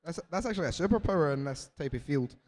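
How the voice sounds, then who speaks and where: A man's voice: fairly high pitch, expressive, quick pace, darkish tone. A man with a thick Scottish accent, co-hosting a quiz in a casual, live style. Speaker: quiz co-host.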